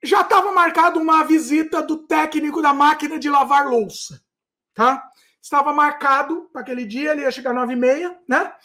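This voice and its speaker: A man with a notably high-pitched voice tells an animated story. He acts out both sides of a heated argument, shouting and mimicking voices for dramatic effect. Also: normal speed. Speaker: podcast host. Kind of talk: animated storytelling in casual chat.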